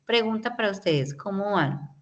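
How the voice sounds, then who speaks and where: A woman's voice: medium pitch, lively intonation, moderate pace, muffled recording, slight background noise. A woman teacher, patiently explaining English grammar in an online class and often checking in with her students. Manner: patient, explanatory, many tag questions.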